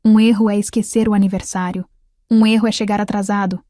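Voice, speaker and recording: A woman voicing a betrayed young man who shouts in anguish, in a narrated story. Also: medium pitch, flat delivery, fast talker, dry recording, close to an everyday voice.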